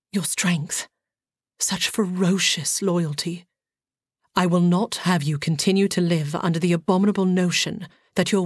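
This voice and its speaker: A woman voicing a reserved, formal male nobleman who speaks quietly and with earnest, halting sincerity. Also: fairly low pitch, slightly rough, no room sound.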